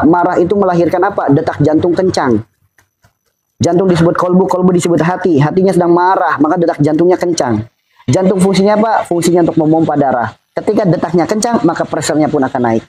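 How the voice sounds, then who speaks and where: A man's voice: a little high, dark tone, a little hiss or hum, rough recording. A middle-aged man giving religious health advice to viewers, with a preachy, repetitive delivery and frequent laughs between points. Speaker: Islamic health advice speaker. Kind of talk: religious advice talk answering questions.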